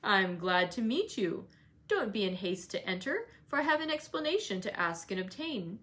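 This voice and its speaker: A woman's voice: medium pitch, very animated, moderate pace, a bit bright. A woman reading as a scornful brooding villain. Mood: menacing. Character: menacing middle-aged male villain, scornful.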